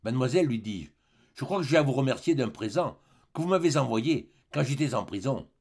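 A man's voice: medium pitch, lively intonation, a little fast, a little mellow. A man reading an audiobook, voicing a polite, earnest young soldier close to his own voice.

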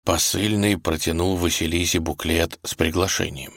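A man reading a fairy tale aloud in an expressive storybook manner. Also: low voice, moderate pace, no room sound, studio quality. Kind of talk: storybook narration.

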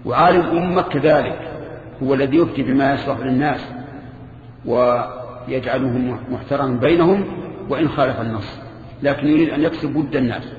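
An older man, teaching a religious lesson in a conversational way, with halting restarts and questions to his students. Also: mid-range voice, a little hiss or hum. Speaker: Islamic scholar teaching a lesson. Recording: echoey hall, muffled lo-fi archive tape.

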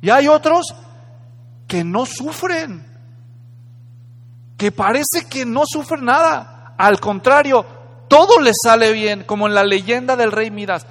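Bright, high-voiced preacher in a hall. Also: male voice, expressive, slow, pauses often. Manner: dramatic, conversational, asks the congregation questions. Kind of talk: sermon. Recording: echoey hall.

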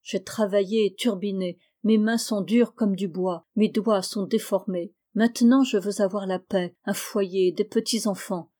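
A blustering, drunk, jealous sailor, as a woman reader puts him on. He talks in a raised, insistent way with a mellow, dark voice. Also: mid-range voice, fairly even intonation, a little slow, hardly any pauses, close to an everyday voice. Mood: agitated.

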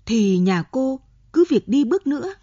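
A woman reading an audiobook, voicing a proud older mother who scolds her grown daughter in a sharp tone. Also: mid-range voice, sing-song, moderate pace, breathy edge, no echo, lo-fi sound. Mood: scolding.

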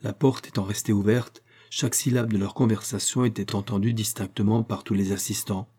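A man narrating a classic novel as an audiobook in measured, even storytelling. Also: fairly low pitch, slightly rough.

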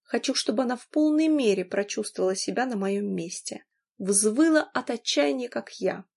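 A woman's voice: fairly high pitch, expressive, moderate pace, creaky, a little mellow. A woman reading an audiobook, voicing a spiteful scorned mistress who taunts and sneers. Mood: taunting.

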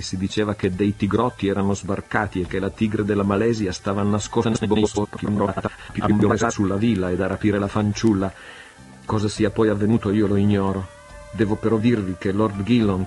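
A man's voice: on the low side, a little mellow, natural voice. A man reading the lines of a captured soldier, hesitant and reluctant to talk. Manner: reluctant, yielding.

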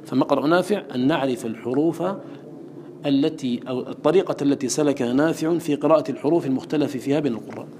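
Man teaching a classroom lesson, quizzes his students, mid-pitched voice, faint hiss behind. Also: fast, mellow. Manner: explains by questioning students and quoting recited verses. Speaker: teacher of Quran recitation.

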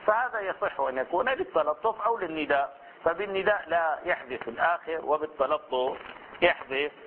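A male scholar teaching a recorded lesson on grammar and inheritance law. He asks himself questions, answers them, drifts into colloquial asides and draws out example words slowly. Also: on the high side. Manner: explains patiently, asks and answers his own questions; slips into colloquial Levantine Arabic asides. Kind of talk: recorded study-circle lesson. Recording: tinny phone-like band with faint hiss.

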